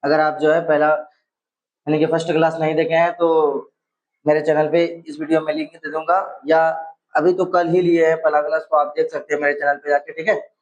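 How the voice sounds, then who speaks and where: Teacher drilling students, dull recording. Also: male voice, on the high side, level tone, normal speed. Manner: repeats questions and answers to drill students. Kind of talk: casual exam-prep grammar lesson. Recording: slightly dull lo-fi sound.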